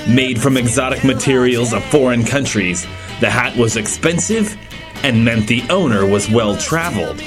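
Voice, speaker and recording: A man hosting a museum podcast, speaking in a clear presenter's way as an assistant curator. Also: mid-range voice, expressive, moderate pace, music in the background. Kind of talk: scripted intro and casual interview.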